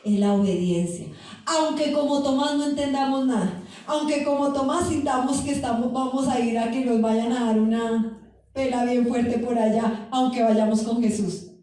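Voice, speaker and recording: A woman's voice: on the high side, moderate pace, mellow. A woman preacher giving a fervent sermon, speaking directly to her congregation in a church. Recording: echoey hall from far off.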